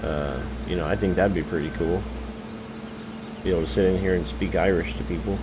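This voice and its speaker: A man's voice: sits low, steady tone, fairly quick, noisy background. A young American man chatting casually on a live game stream, rambling and hesitant with many fillers and self-corrections. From United States.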